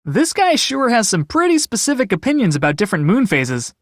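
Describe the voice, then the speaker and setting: Lively, wry adventure heroine. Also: female voice, fairly high pitch, brisk, no echo, clean studio sound. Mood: wry, amused. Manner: wry, cheeky, expressive. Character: quirky, quick-witted young female adventure heroine. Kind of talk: video game character acting.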